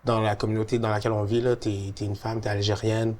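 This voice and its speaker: Talking fast in a lowish voice, a young musician with a Quebec French accent reflects on his career as a guest in a casual chat. He stays relaxed and uses many fillers.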